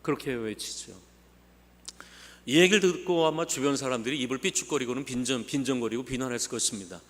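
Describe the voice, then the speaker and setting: A man's voice: medium pitch, fast. Male pastor preaching in a reverberant church. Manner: vivid storytelling, dramatic voice changes. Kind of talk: sermon. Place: church sanctuary. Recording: long church hall reverb.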